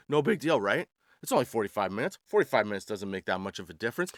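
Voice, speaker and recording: A man in his forties hosts a podcast, telling personal stories in a wry, slangy, self-deprecating comedic monologue. His voice is fairly high and a bit bright, recorded at studio quality with no room sound.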